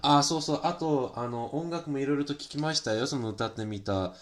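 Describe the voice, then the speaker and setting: A man's voice: medium pitch, fairly quick. A man chatting casually on a live stream while he works on a hobby project, switching between Japanese and English, politely greeting viewers by name. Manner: switches between Japanese and English, many fillers, laughs often.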